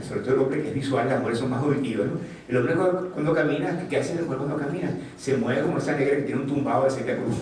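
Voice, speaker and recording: A man with a fairly high voice gives an animated motivational talk, asking his audience questions and acting out little dialogues. He is picked up by a distant mic, and the voice rings through a very echoey room with faint noise behind it. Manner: animated, asks the audience questions, acts out quotes. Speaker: speaker giving a talk.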